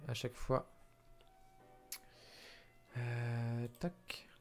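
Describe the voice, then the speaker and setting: A man's voice: mid-range voice, monotone, extremely slow, creaky, over music. A tired man thinking aloud with hesitation as he edits a video at his computer. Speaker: video editor commenting his work. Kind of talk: casual screen-recording commentary.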